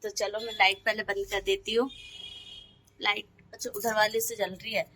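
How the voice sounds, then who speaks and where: A woman's voice: mid-range voice, level tone, normal speed, pushed and bright, low-quality recording. A young woman vlogger and mother from North India, chatting casually to her viewers as she narrates her day at home. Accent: North Indian Hindi. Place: home rooms, then street and a shop.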